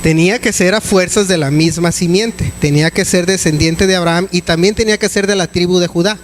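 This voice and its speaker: High-voiced pastor preaching casually. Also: male voice, brisk, a little hiss or hum, poor audio. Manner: conversational, many restarts and fillers. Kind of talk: sermon.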